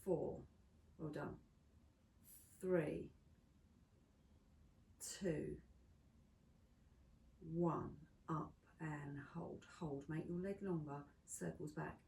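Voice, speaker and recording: A woman instructor leading a pilates class, counting down reps and giving steady step-by-step cues. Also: low-pitched, extremely slow, vocal fry, pauses often. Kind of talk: guided exercise class cueing. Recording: echoey room from a distance.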